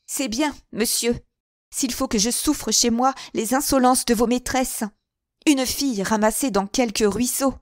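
A proud, jealous society lady, voiced by a woman reading a novel aloud, her lines pitched high and loud with indignation. She sounds scornful and wounded, and her words cut. The recording is close and dry. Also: unhurried, dry recording, close to an everyday voice. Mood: indignant, scornful. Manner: shrill, indignant outbursts. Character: haughty jealous wealthy lady, proud and bitter.

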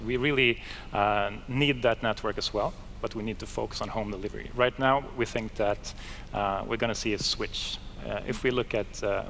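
A man's voice: on the low side, fairly bright tone, a little hiss or hum. A man in his thirties speaking on a conference panel, casual and hesitant with many fillers. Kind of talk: panel discussion. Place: conference stage. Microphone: headset.

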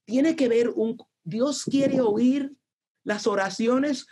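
A woman's voice: on the high side, drawn-out words, dark tone, husky. A woman giving an earnest, conversational devotional talk, acting out prayers with many restarts.

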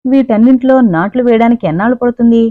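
ఒక స్త్రీ పలికిస్తున్న గారాబంగా పెరిగిన చలాకీ అమ్మాయి. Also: female voice, on the high side, quick pace, no room sound, lightly acted. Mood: curious. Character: playful, pampered rich young woman. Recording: dry, narrow phone-like sound.

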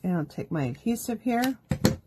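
A woman's voice: medium pitch, big pitch swings, moderate pace, background noise. A woman hosting a live crafting demo, talking chattily step by step while losing her voice. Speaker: craft show host. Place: home craft studio.

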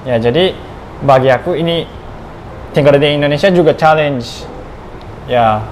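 A young Japanese man chats as a guest, his pitch on the high side and his accent plain in every word. He slows down and fills gaps with "eh" while he looks for the right phrase. A light hiss of room noise sits under his voice. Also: low-quality recording. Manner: halting, searching for words, frequent fillers. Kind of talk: casual interview chat.

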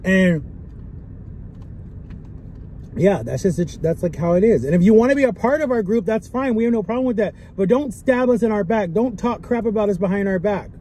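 Sitting inside a car, a young man vlogs to a camera at dashboard distance, chatting casually and earnestly while repeating his phrases. His high-pitched voice has a dark tone and runs a little fast with few pauses. Background noise from the car can be heard.

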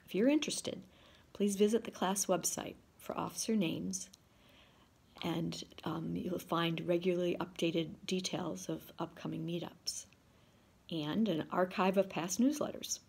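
A woman in her sixties, a class officer, giving measured prepared remarks over a video call from her living room. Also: on the low side, steady tone, gravelly, darkish tone, husky. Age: 60s. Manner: measured, reading from notes. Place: home living room, indoors. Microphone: video call, laptop camera.

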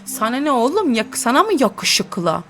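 A woman's voice: fairly high pitch, big pitch swings, unhurried, noisy background. A young woman chatting and teasing through a role-play game, laughing often as she comments. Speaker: gaming YouTuber.

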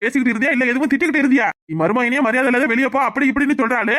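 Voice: high-pitched, rapid-fire, no room sound, studio quality. A voice actor with a Tirunelveli Tamil accent playing a panicky, outspoken village brother-in-law in a family cartoon. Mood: accusing. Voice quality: excitable, loud, nagging.

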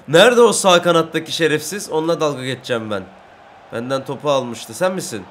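A young man giving excited Let's Play commentary over a football video game, breaking into loud shouts and trash talk at the players. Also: on the high side, fast, slight background noise. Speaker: gaming YouTuber.

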